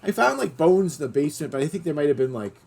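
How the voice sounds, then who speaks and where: This middle-aged podcast host talks fast in a husky voice on the high side, with vocal fry. He chats casually through his stories, bringing them alive by performing the quoted voices.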